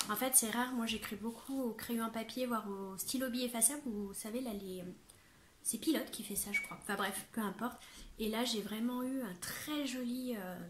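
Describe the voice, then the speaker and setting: Young woman vlogger, bright higher voice, bubbly and chatty, room echo. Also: a little hiss or hum. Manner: chatty, bubbly, laughs often, many fillers. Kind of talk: casual chat. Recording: echoey room.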